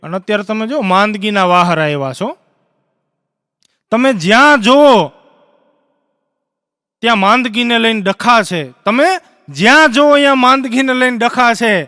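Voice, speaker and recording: A man telling jokes in live stand-up, a lively storyteller who acts out the characters on a stage before an audience. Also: very high voice, a little slow, pauses often, no echo, studio quality, big-room sound. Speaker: stand-up comedian.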